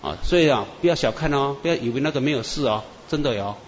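A man preacher, telling dream testimonies in an animated storytelling sermon. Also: medium pitch, fast, slight background noise. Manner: animated storyteller, many "啊" and "哈" tags. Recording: echoey muffled hall with faint ambience.

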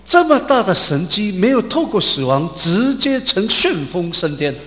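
Emphatic preacher man, lively pitch. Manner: emphatic, pausing for translation. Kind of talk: sermon with an interpreter. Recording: long hall reverb.

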